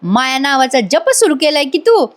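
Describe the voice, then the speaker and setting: A jealous older aunt who snaps back with scorn, her lines pitched a bit high, as a woman puts her on. The delivery is short and dismissive. It is a spoken story retelling. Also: very animated, normal speed. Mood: scornful. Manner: snappy, scornful.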